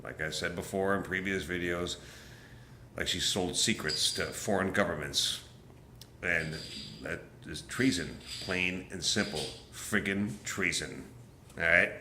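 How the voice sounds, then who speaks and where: A man's voice: low voice, measured pace, sharp tone, roomy sound, a little hiss or hum. A man ranting to camera in an angry, profane, rambling way, stumbling and restarting. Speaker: political vlogger. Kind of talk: casual rant to camera.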